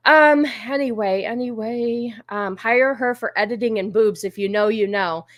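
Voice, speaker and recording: Higher-pitched woman, rambling casual livestream host. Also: normal speed, no echo, studio quality. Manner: informal, rambling, easily sidetracked. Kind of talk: casual chat with live viewers.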